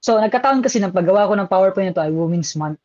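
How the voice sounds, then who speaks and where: A man's voice: sits high, lively intonation, rapid-fire, darkish tone, dry recording, lo-fi sound. Chatty Filipino man lecturing online. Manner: chatty, code-switching, reads out viewer comments. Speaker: board exam reviewer. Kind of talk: live online review lecture.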